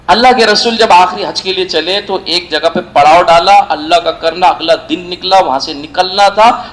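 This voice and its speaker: A man's voice: high voice, a bit bright, poor audio. A middle-aged man with an Indian Urdu accent, preaching an evening sermon and telling stories with emphatic repetition. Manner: emphatic storytelling, repeats phrases for stress. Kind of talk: evening sermon at a weekly gathering. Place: mosque centre.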